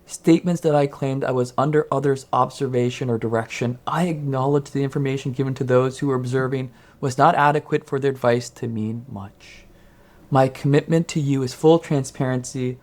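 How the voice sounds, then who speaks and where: A man voicing a contrite, formal middle-aged businessman who reads out a solemn apology letter, slowly and gravely. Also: mid-range voice, darkish tone, close to an everyday voice.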